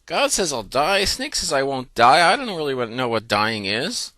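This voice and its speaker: A man's voice: mid-range voice, very animated, normal speed, sharp tone, no echo, studio quality. A man lecturing voices a naive, curious young woman, thinking aloud in a casual way. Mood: musing.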